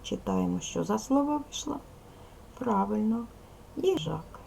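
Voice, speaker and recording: Woman teacher talking slow to little kids, really gravelly creaky voice, faint hiss behind. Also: fairly high pitch, huge pitch swings, warm tone, poor audio. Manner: slow, careful, addressing children directly. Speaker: primary school teacher. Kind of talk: recorded online lesson for young children.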